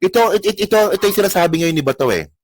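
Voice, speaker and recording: A man with a fairly high voice fires off sneering commentary, stumbling over restarts as he talks straight to his audience. The recording is dry, with no room sound. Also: animated, racing, no room sound. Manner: mocking, insulting, heated; rambling with restarts, addresses viewers directly. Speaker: political commentary vlogger. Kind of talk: reaction commentary over news clips.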